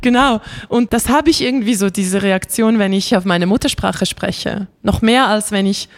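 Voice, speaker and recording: Speaking at a moderate pace in a medium-pitched voice, a young classical singer from Switzerland talks animatedly in a relaxed interview. Raised bilingual in Bosnian, she sprinkles her speech with many fillers and light laughter.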